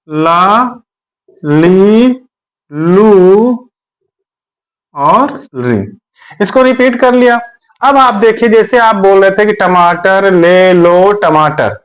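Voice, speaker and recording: A male teacher giving an exam-prep grammar lesson, drilling syllables aloud over and over and often clearing his throat. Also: high voice.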